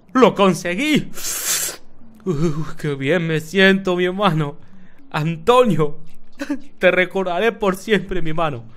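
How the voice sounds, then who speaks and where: A man's voice: high-pitched, a bit bright. A man voicing a stoned, rambling drug-addict character who swears a lot, as comic commentary over gameplay. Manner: rambling, swearing, keeps calling people "my brother". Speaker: gaming YouTuber in character.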